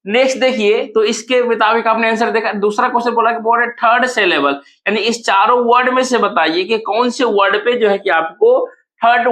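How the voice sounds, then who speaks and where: High-voiced teacher in an echoey room. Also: male voice, fairly bright tone. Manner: repeats words slowly to show stress, asks and answers own questions. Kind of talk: exam-prep lesson.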